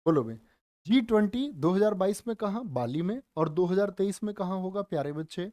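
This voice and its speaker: A man teaching a live online general knowledge class, speaking slowly and deliberately, repeating facts and quizzing his viewers, with joking asides. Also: high voice, animated, mellow, dry recording, studio quality. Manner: calls viewers "dear children", joking asides. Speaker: online exam-prep teacher.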